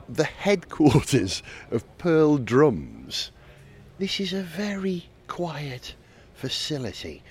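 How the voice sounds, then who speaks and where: A man with a fairly high voice hosts a podcast on location. He chats in a lively, jokey way as he walks through a large drum warehouse. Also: husky. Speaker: podcast host. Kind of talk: casual on-location chat.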